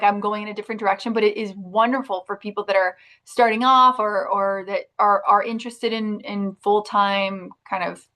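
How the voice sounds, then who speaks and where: A woman's voice: mid-range voice, fairly bright tone. A woman, an actress, talking about her work in a casual interview, in a chatty way with many restarts. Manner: chatty, frequent restarts and fillers like "like".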